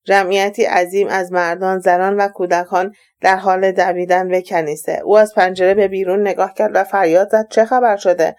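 A woman narrating an audiobook in a steady, even reading voice. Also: mid-range voice, clear, resonant tone. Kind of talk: scripted narration.

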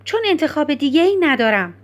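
A woman's voice: high voice, very animated, pitched above the performer's own voice. A woman voicing an insistent, despairing young woman in an audiobook, speaking emphatically with a raised voice. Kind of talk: audiobook character reading.

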